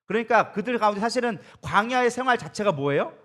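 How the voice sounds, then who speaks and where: A man's voice: high-pitched, animated, fast talker, fairly bright tone. A middle-aged man preaching a sermon to his congregation, asking it questions and acting out what people and God say in changing voices. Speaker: pastor.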